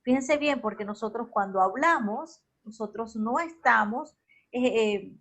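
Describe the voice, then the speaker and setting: A woman's voice: a little high, a little slow, a bit bright. Woman teacher explaining spelling rules. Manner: explanatory, checks in with "ok?", self-corrects mid-sentence. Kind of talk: online class lecture.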